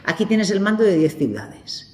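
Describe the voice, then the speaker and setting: A woman speaking the lines of a stern master who judges his servants in a parable, with a brisk, scolding delivery. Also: medium pitch, big pitch swings, lightly acted. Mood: approving. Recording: echoey hall reverb.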